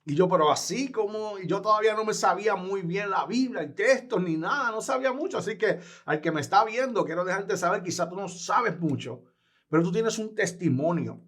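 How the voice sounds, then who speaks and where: A man's voice: high-pitched, lively intonation, brisk, fairly bright tone. A man, a guest evangelist telling his personal testimony in an earnest, emphatic way.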